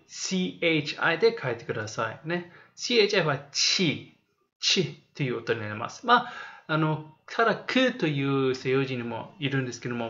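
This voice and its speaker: A man runs a review lesson for young students, explaining in Japanese and drilling each word twice. His voice is fairly high and bright. The recording is dull and lo-fi. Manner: explains slowly in Japanese, then says and repeats English words. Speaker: English teacher.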